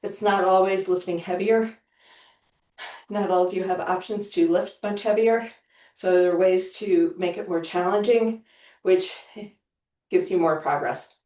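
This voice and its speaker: Recorded from a distance with roomy sound, a female fitness instructor coaches a live strength workout. She counts reps out loud, tells people to take their own pace, and sighs often between sets, speaking in a lowish, darkish, steady, unhurried voice with long pauses.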